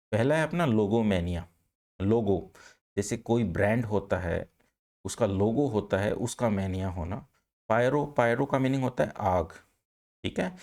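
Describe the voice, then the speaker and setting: A man's voice: lowish voice, darkish tone. A man teaching an online vocabulary class, explaining step by step and often asking a question and then answering it himself.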